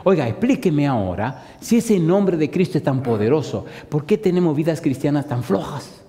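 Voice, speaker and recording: A man preaching a sermon, firing rhetorical questions at the crowd and swinging from loud bursts to slow, hushed emphasis. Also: a little high, sing-song, big-room sound.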